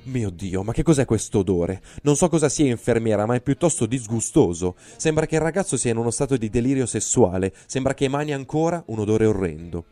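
A man's voice: medium pitch, animated, fairly quick, hardly any pauses, warm tone, no echo, pitched above the performer's own voice, lightly acted. A man voicing an irritable, squeamish male hospital doctor in an audiobook reading, snapping out his orders. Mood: disgusted. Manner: snappish, disgusted.

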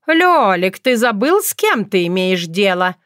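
A woman's voice: mid-range voice, very animated, measured pace, fairly bright tone, no echo, studio quality. A woman voicing an elderly fox grandmother who sounds sugary and then snaps into stern, domineering commands. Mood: sweetly threatening. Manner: honeyed then sharply bossy. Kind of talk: audiobook character voice.

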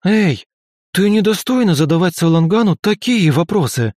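A man voicing a fanatical young female devotee who speaks zealously and indignantly in a much higher voice. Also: expressive, normal speed, a little mellow, no room sound, clean studio sound.

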